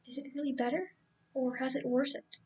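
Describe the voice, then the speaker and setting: A woman reading the lines of a cold, sharp-tongued teenage boy from a novel, in a curt, insulting manner. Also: sits high, brisk, distant mic, muffled recording. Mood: cold, scornful. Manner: curt, insulting, flat delivery.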